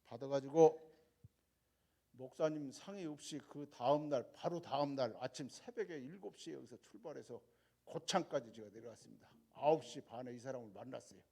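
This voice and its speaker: Gravelly-voiced deacon telling a story. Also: male voice, medium pitch, a little fast. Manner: animated storytelling that swings between loud and soft. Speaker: church deacon giving a testimony. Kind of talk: storytelling testimony at a prayer meeting.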